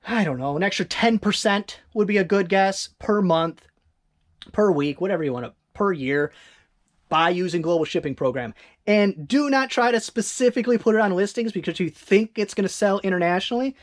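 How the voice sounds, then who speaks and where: The speaker, an eBay reseller vlogger from Northern Michigan with that region's accent, sounds animated at a medium pitch. They ramble casually and slip in quick asides to correct themselves.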